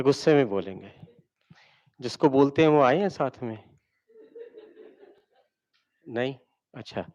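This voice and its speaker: Slow, coaxing Indian male spiritual speaker. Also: mid-range voice, highs cut off. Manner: slow, coaxing, asks the audience to repeat phrases. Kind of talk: spiritual talk to a live audience.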